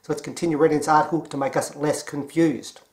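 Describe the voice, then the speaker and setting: A man with an Australian accent giving a mocking, deadpan commentary. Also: a little high, fast talker. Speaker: commentary vlogger. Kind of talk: sarcastic commentary.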